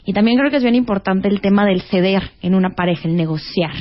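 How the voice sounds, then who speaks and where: A woman's voice: mid-range voice, fast talker. Explaining woman, dull recording. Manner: explanatory, rhetorical tag questions. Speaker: guest expert on face reading. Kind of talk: casual talk-show chat.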